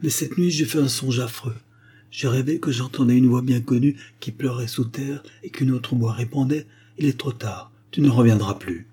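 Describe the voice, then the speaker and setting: A man reading aloud the lines of a young woman troubled by a nightmare, in a husky, dark voice. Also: mid-range voice, normal speed. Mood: uneasy.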